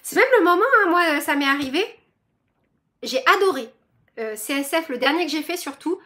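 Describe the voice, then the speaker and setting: A young woman hosts a crochet channel, chatting to her viewers in a bubbly, rambling way packed with fillers and calling herself a chatterbox. Her high voice is bright and forceful, with lively intonation at a normal speed.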